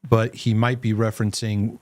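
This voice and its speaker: On a live Q&A broadcast he hosts, this man gives sincere, comforting religious teaching, frequently restarting his sentences. He speaks at normal speed in a lowish, darkish voice with flat delivery, and there's no room sound.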